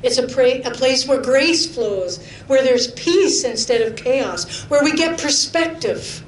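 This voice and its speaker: This middle-aged preacher takes it slowly as she shares personal testimony in a sermon to her congregation, her voice fairly high. Earnest and talkative, she laughs frequently and lowers to a hush to emphasize points, amid the echo of a spacious church hall and a faint underlying rumble.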